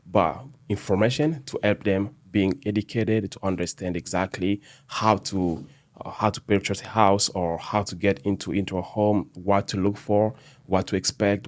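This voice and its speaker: A man's voice: low-pitched, fairly even intonation, normal speed, darkish tone. A man from DR Congo, a real estate agent, hosting a casual podcast chat with many fillers.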